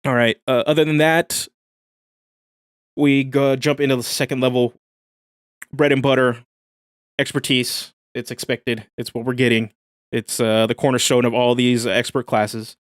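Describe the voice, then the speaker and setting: A man's voice: mid-range voice, flat delivery, unhurried, long pauses, smooth, no echo, studio quality. A man hosting a livestream, talking casually and eagerly about rules for a tabletop game while reading chat aloud. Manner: enthusiastic, casual slang, reads chat aloud. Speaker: livestream host.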